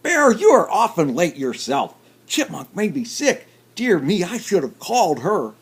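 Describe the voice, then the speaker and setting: Friendly upbeat duck, kind and bright, put on by a man, storybook voice. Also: high voice, very animated, unhurried, husky, voice pushed up, exaggerated voice. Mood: cheerful. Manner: bright and kindly. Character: cheerful friendly male duck host.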